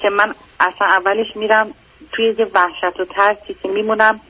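A woman's voice: mid-range voice, level tone, sharp tone, a little hiss or hum, low-quality recording. A woman calling a radio advice show over the phone, explaining her situation anxiously and at length. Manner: anxious, explains at length, keeps saying "yes". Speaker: caller.

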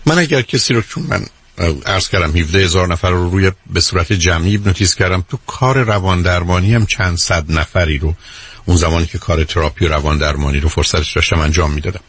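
A man's voice: low voice, fairly bright tone, slightly rough. A man speaking as a hypnotherapist guest in an interview, explaining his points carefully with worked examples in a lecturing way.

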